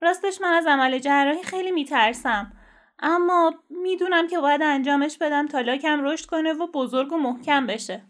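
A woman's voice: sits high, voice pushed up, close to an everyday voice. Woman doing a timid little boy turtle. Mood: resolved. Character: small timid young boy turtle, anxious. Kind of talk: children's storybook reading.

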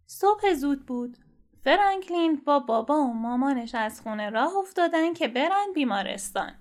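A woman reading a children's storybook aloud in a steady, clear and gentle manner. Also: sits high.

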